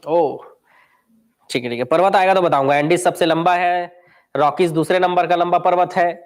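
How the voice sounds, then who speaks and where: A man's voice: sits high, fairly even intonation, normal speed. A man teaching an online exam-prep class, chatty, quizzing his students and answering himself. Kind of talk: live online class lecture.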